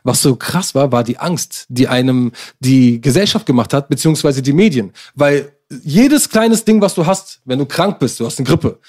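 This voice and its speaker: A middle-aged man from Germany, telling stories in a slangy, animated casual chat. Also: mid-range voice, normal speed, few pauses.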